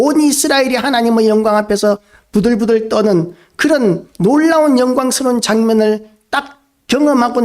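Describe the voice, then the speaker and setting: A pastor with a very high voice preaches a sermon, earnest and steady, posing rhetorical questions to his congregation.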